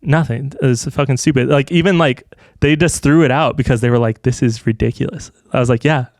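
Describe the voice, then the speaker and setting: A man's voice: medium pitch, brisk, darkish tone, no echo. A man in his thirties, a podcast co-host, telling a story in casual chat, swearing often and laughing as he goes. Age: 30s.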